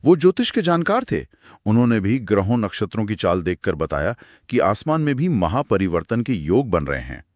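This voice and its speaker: Male co-host, deep voice, very lively intonation, dry close sound, dramatic storytelling delivery. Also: dry recording. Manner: dramatic, expressive narration with slowed pauses. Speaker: co-host retelling scripture. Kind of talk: conversational storytelling discussion.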